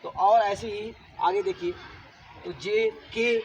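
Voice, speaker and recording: Male teacher, high-pitched, drilling a class with repeated questions; faint outdoor noise behind. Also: fairly even intonation, slow, low-quality recording. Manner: repetitive, asks students questions. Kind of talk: classroom grammar lesson.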